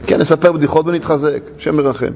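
A man giving a storytelling sermon, animated and laughing often as he tells a story. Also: a little high, creaky, breathy edge. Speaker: religious teacher. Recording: long hall reverb.

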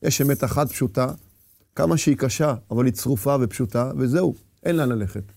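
A man's voice: mid-range voice, vocal fry, a little mellow, dry recording. A man giving a Torah lecture with passion, firing rhetorical questions and acting out inner voices. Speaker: religious teacher.

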